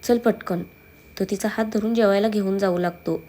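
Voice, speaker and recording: A woman's voice: mid-range voice, fairly even intonation, fast, mellow. A woman reading a family story aloud as storyteller, doing every character herself. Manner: reads all characters herself. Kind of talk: story narration.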